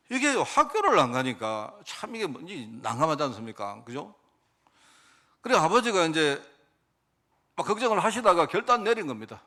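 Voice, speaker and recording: A man's voice: sits high, a bit bright. A male pastor tells a story in a sermon, often asking his congregation rhetorical questions. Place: church sanctuary.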